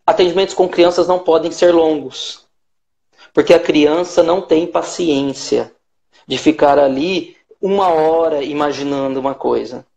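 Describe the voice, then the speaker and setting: A Brazilian man with a notably high-pitched voice talks through his practice in a live-stream interview. He explains step by step with emphasis, now and then acting out short quoted remarks. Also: moderate pace, creaky, a little mellow. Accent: Brazilian Portuguese. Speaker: hypnotherapist guest.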